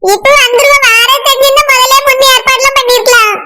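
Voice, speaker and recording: A woman's voice: extremely high pitch, fairly even intonation, fairly quick, very noisy. Woman doing a fussy village mother in a cartoon. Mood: fussing. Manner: busy, apologetic hostess. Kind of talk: cartoon voice acting.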